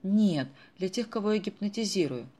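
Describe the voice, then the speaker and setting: A reader voicing a sharp-tongued teenage girl in a storybook who speaks in a sarcastic, indignant way. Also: medium pitch, expressive, moderate pace, breathy edge, pitched above the performer's own voice.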